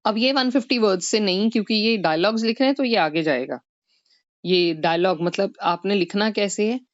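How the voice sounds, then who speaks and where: Woman, patient online tutor; slow, step-by-step explanations with frequent "right?". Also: mid-range voice, no room sound, dull audio. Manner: explains step by step, mixing Hindi with English, often asking "right?". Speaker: English teacher. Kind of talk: exam-prep online lesson.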